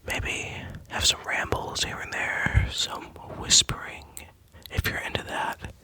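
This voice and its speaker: A man whispers softly in a hesitant, soothing ASMR manner, very close to the microphone as if right in the listener's ear. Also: takes it slowly. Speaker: ASMR creator. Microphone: close-up Blue Yeti USB microphone.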